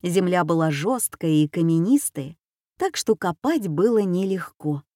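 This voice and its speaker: A woman reading a children's adventure story aloud in a slow, measured way. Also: fairly low pitch, expressive, mellow, dry recording, clean studio sound. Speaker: audiobook narrator. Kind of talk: scripted narration.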